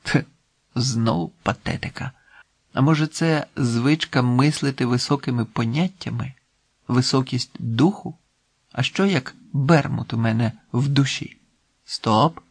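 Gravelly male literary narrator. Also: mid-range voice, no room sound. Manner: measured, expressive reading.

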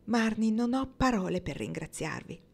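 A woman reading the part of a grateful, warm-hearted young woman in an audiobook, speaking in a heartfelt, emotional way. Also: medium pitch, animated, moderate pace, creaky, pitched above the performer's own voice.

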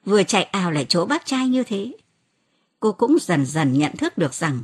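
A woman narrating an audiobook novel in an expressive reading voice. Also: fairly low pitch, slightly rough. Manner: expressive reading, lifts her voice for quoted cries.

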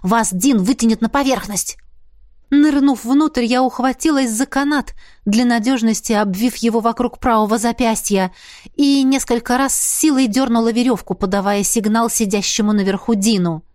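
A woman narrating a first-person fantasy audiobook in an expressive, breathless way. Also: on the high side, moderate pace, no echo, clean studio sound. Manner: expressive, breathless in tense moments.

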